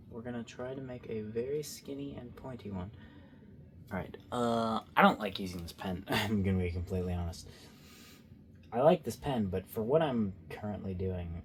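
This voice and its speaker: A young art vlogger rambles casually while he draws, joking and poking goofy fun at himself. His voice is on the low side, and there's a little hiss or hum in the audio.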